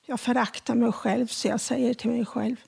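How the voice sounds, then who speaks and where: A woman in her forties slowly reading a personal first-person text on the radio, often dropping to a hushed whisper. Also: a little high, level tone, gravelly, slightly rough. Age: 40s. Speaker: radio contributor.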